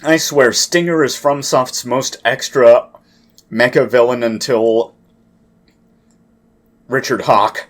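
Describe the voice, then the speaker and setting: A man's voice: medium pitch, steady tone, takes it slowly, long pauses, faint music behind. A man giving explanatory gameplay commentary, putting emphasis on key words as he plays. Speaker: game player and commentator.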